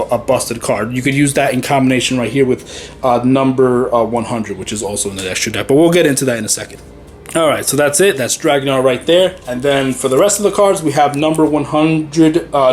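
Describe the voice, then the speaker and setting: Hosting a card game channel, this man gives a rambling, easygoing walkthrough of his deck, full of fillers and a little out of breath. His voice is medium-pitched, a little mellow, and fairly quick.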